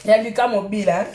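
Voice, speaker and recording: A woman's voice: mid-range voice, a little mellow, a little hiss or hum. A woman from Congo with a Congolese French accent, hosting her live stream in a heated, scolding rant full of insults. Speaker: livestream host. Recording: echoey room.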